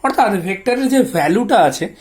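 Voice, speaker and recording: A woman's voice: medium pitch, animated, normal speed, a little mellow. Woman, West Bengal Bengali accent, math lesson, patient explaining, rhetorical check-ins, English terms mixed in. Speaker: teacher.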